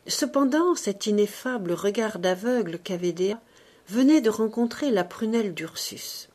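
A woman narrating a classic novel as an audiobook, measured and expressive. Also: medium pitch.

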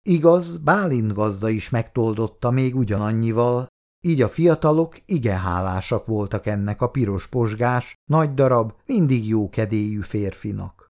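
A man reading an audiobook aloud with an expressive, animated delivery. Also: medium pitch. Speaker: audiobook narrator.

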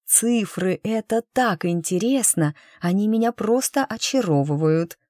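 A woman's voice: medium pitch, animated, a little slow, mellow, no echo, studio quality, voice pushed up, lightly acted. A woman reading an audiobook voices a bubbly, naive young noblewoman who talks in breathless, girlish exclamations. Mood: gushing.

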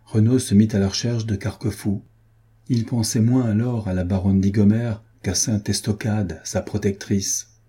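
A man reading a classic adventure novel aloud as an audiobook narrator, measured and literary. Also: fairly low pitch, fairly even intonation, warm tone, breathy edge. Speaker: audiobook reader.

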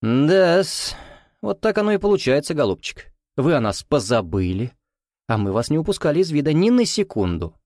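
A man's voice: fairly high pitch, very animated, moderate pace, darkish tone, no echo, clean studio sound, pitched above the performer's own voice. A man reading an audiobook, voicing a suave, condescending male lodge commander with a reproachful drawl.

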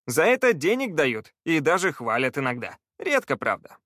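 Male reader playing an upbeat, practical treasure hunter with a teasing streak, higher voice, dry read. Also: sing-song, normal speed, a bit bright, dry recording. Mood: brisk. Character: cheerful brisk male treasure hunter, joking.

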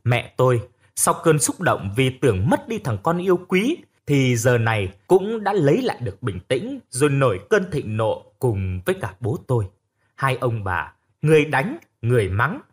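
A man narrating a first-person audiobook story in an expressive storytelling manner. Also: mid-range voice, normal speed, breathy edge.

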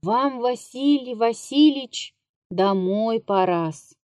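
A woman's voice: a little high, very animated, dry recording, clean studio sound, exaggerated voice. Woman doing a meek old theatre prompter. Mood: gentle. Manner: slow, soft, adds deferential "-s" to words. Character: tall wiry bald old male prompter, gentle and deferential.

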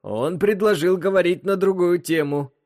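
A man's voice: moderate pace, a little mellow, dry recording, clean studio sound. A man doing a nervous young crewman. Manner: eager, nervous, higher voice.

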